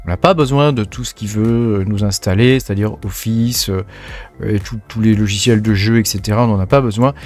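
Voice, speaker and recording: A man's voice: fairly low pitch, a little fast, darkish tone, soft background music. Chatty French man explaining a tutorial. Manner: chatty, informal, many fillers and "hein". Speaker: tech tutorial host. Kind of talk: casual screen-recorded tutorial.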